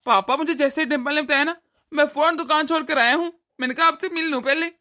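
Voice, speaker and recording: A woman's voice: high voice, quick pace, pushed and bright. A woman doing an eager young son. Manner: eager, earnest. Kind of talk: cartoon voice acting.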